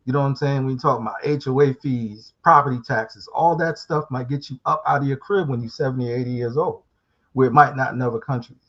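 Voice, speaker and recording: A man's voice: medium pitch, fast talker, a bit bright. A man from Guyana calling in to a live talk show, rambling and reflective with casual street slang. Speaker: guest calling in. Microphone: remote call. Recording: muffled call audio.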